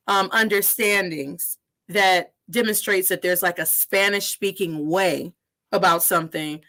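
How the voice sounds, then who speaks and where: A woman in her thirties hosting a casual interview, energetic and sprinkling Spanish words into her English. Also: mid-range voice. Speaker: podcast host.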